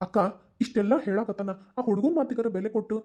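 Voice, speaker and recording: A performer voicing a steady middle-aged uncle in a cartoon, with a North Karnataka Kannada accent and a calm, advising manner. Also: medium pitch, quick pace, lightly acted. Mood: reassuring. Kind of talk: cartoon voice acting.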